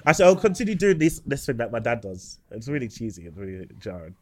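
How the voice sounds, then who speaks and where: A young man with a London accent, chatting casually in a slangy, halting way. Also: medium pitch, very animated. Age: young adult. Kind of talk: casual group chat.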